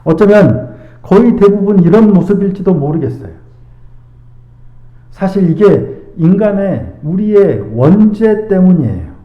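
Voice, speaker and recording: A male pastor giving a midweek sermon, earnest, asking rhetorical questions and reading scripture slowly. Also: high voice, lively intonation. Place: church sanctuary. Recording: echoey church hall, dull lo-fi sound.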